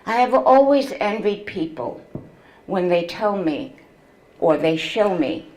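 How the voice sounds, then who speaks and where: A woman in her seventies, a memoir author reading from her book and telling her story to an audience in a slow, measured way. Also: mid-range voice, expressive, a little mellow, low-quality recording. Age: 70s.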